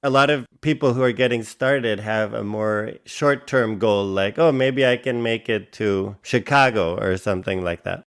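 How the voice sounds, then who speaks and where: A man hosting a podcast, asking curious, measured interview questions. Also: on the low side, a bit bright, clear, resonant tone. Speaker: podcast host.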